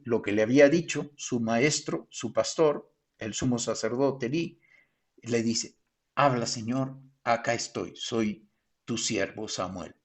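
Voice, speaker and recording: A man, a pastor teaching a theology class over a video call, telling stories in a lively way and acting out the voices he quotes. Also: a little high.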